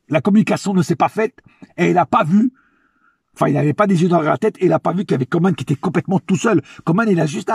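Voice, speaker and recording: A man's voice: high voice, creaky, a little mellow, husky, dry recording, clean studio sound. A man giving a casual, slangy solo football debrief, ranting bluntly with some swearing and repeating phrases for emphasis. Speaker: football fan vlogger giving player ratings.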